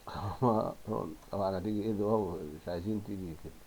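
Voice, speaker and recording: A male teacher with an Egyptian accent giving a primary school Arabic lesson, drawing out words slowly and praising pupils. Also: fairly low pitch, fairly even intonation, warm tone, a little hiss or hum. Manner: coaxing, drawn-out word modeling with praise.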